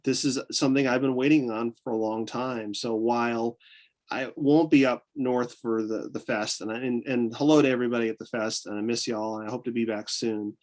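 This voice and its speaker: An enthusiastic photographer from upstate New York, with a mixed Southern and Northern American accent, chats as a guest in a casual interview. His mid-range voice moves fairly quickly and swings up and down as he rambles, restarts thoughts, and leans on fillers.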